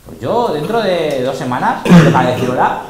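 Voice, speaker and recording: A middle-aged DJ and teacher holds forth to students in a large school room, casual, emphatic and boastful, often performing quotes. His fairly high voice is very animated at a moderate pace, with a crowd in the background, heavy echo and faint noise.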